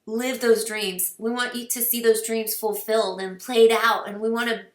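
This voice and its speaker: A woman's voice: fairly high pitch, level tone, normal speed, roomy sound, far from the mic. A woman in her thirties or forties, a team coach giving an earnest, encouraging recruiting talk with many fillers, getting teary at times. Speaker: fitness business team coach. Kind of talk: casual recruiting talk to camera.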